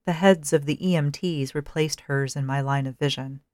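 A woman narrating a first-person story in a measured, dryly wry manner. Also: low voice, steady tone, darkish tone, no room sound, clean studio sound.

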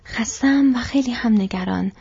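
A woman voicing a tired, anxious young male hobbit in a breathy whisper, as whispered role-play in a storybook reading. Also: on the high side, a little mellow, muffled recording, pitched above the performer's own voice, exaggerated voice.

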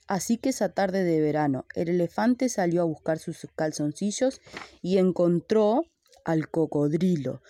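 Lady reading a kids story real slow, sing-song repeats, dry close sound. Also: mid-range voice, warm tone, dry recording. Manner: rhythmic, repeating refrains.

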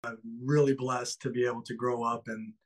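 A man from Ecuador, a musician and guest in an interview, talking in a relaxed, friendly and slightly halting way. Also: medium pitch, low-quality recording. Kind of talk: casual interview conversation.

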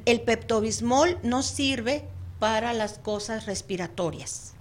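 A woman's voice: fairly high pitch, takes it slowly. A woman counselor, a guest on a radio talk show, chatty and laughing often. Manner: chatty, laughs often, acts out clients' voices.

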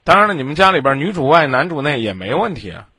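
A man's voice: on the high side, big pitch swings, quick pace, sharp tone, breathy edge, no room sound, studio quality. A man with a Beijing accent hosting a relationship advice call-in, bluntly scolding with rhetorical questions. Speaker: advice show host.

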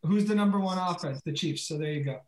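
Teasing sports podcast co-host, echoey room. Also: male voice, high-pitched. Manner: teasing, quick and animated. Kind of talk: casual sports chat.

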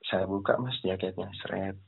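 A man's voice: low voice, fairly even intonation, moderate pace, gravelly, breathy edge. A man chatting on the phone as a caller, telling a story and acting out the voices of the people in it. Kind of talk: casual storytelling over the phone. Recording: tinny phone line.

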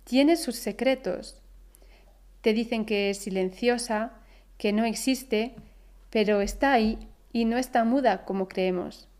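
A woman with a Spain accent hosts a scripted language podcast. Her voice sits a little high, and she speaks slowly. She says each example word with careful pronunciation. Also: darkish tone. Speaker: Spanish teacher, podcast host.

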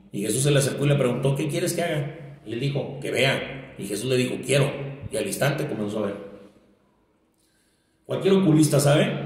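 A preacher with a medium-pitched, somewhat dark voice delivers a conversational sermon, asking his listener "¿verdad?" and acting out the lines he quotes. The hall he speaks in is very echoey.

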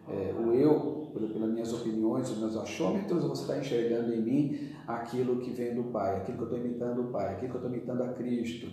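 A man's voice: mid-range voice, mellow. A man who is a pastor with a Brazilian Portuguese accent, teaching earnestly and emphatically in a church interview. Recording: very echoey room, voice from a distance.

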